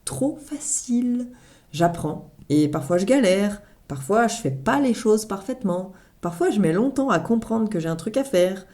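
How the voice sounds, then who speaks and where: A woman's voice: mid-range voice, animated, moderate pace, warm tone. A woman reading her own blog article aloud as humorous personal narration, with wry, self-mocking asides.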